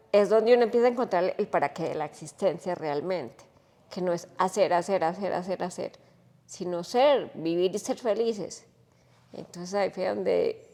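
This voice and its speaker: Lowish-voiced woman telling her story. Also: in a large hall. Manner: animated, emotional storytelling. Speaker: guest. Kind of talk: personal storytelling in a podcast interview.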